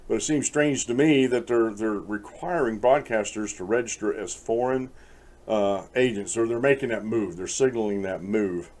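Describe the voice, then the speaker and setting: Man, commentary host, mellow voice, rambling, lots of fillers. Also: on the low side, moderate pace. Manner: rambling, frequent restarts and fillers, addresses folks; chuckles while reading aloud. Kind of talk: casual political commentary.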